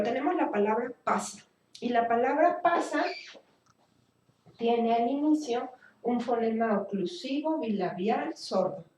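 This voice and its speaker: A woman teaching a speech therapy class, explaining slowly and thinking aloud with fillers and restarts. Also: fairly high pitch, a little mellow. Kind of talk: recorded class lecture. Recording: echoey room, voice from a distance.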